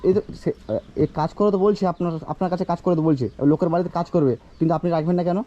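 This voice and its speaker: A man's voice: high-pitched, fairly even intonation, racing, mellow, dull audio. A man filming outdoors as a social worker vlogger, pressing with repeated questions. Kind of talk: confrontational street interview.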